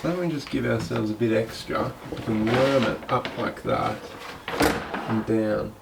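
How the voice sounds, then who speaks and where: Sniffling with the flu, a man wires his own small boat cabin and narrates it vlog-style, hesitantly thinking aloud as he works with his hands. He speaks in a mid-range, unhurried voice with vocal fry, and the background is noisy.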